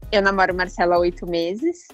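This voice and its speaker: Relaxed woman in her forties, lo-fi. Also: on the low side, a little fast, faint music behind. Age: 40s. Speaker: journalist guest. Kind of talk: casual interview talk.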